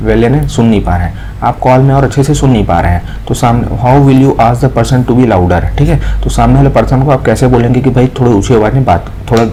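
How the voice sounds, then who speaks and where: An Indian man teaching, who goes through exam questions, reads each English question out slowly and explains it with many repeated fillers. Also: mid-range voice, mellow, slight background noise, poor audio. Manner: repeats each point and adds a filler after nearly every line. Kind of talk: exam question walkthrough lesson.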